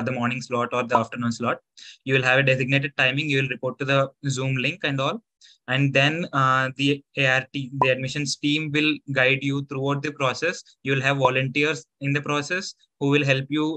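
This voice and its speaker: A man in his twenties with an Indian accent gives informal advice over a video call, explaining step by step in a halting, methodical way. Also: medium pitch, sharp tone. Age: 20s. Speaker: student mentor sharing interview experience.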